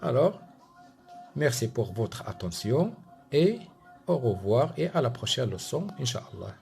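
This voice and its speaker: A man, teaching a spelling lesson and slowly repeating each example sentence. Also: medium pitch, big pitch swings, vocal fry, darkish tone, faint music behind. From Morocco. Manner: slow, repeats each example sentence, leans on key words. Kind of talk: classroom lesson narration.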